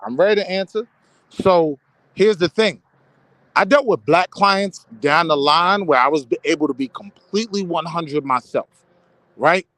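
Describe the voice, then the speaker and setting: American guy, kinda high voice, slangy and emphatic, debating casually, really dry sound. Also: normal speed, fairly bright tone, no room sound. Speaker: panel discussion participant.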